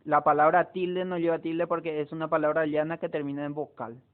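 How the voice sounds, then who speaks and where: A man's voice: a little high, little pitch movement, brisk. A man teaching a lesson on spelling rules, explaining step by step with frequent hesitations and restarts. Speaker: Spanish teacher. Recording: tinny phone-like recording.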